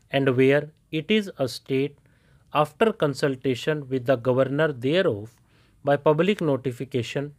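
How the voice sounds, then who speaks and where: A man reading a parliamentary speech aloud as shorthand dictation, measured and even, phrase by phrase. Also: fairly high pitch. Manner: measured, evenly paced phrase by phrase.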